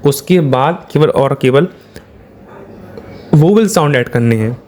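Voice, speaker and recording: A man's voice: mid-range voice, measured pace, darkish tone, a little hiss or hum. A man with an Indian accent teaching shorthand, explaining step by step and answering his own questions. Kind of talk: classroom-style lesson.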